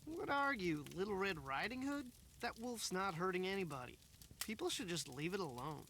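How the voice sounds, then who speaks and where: A gravelly, laid-back young art student. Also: male voice, sits high, big pitch swings, moderate pace, sharp tone, slight background noise, full character voice. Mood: mocking. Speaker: game character.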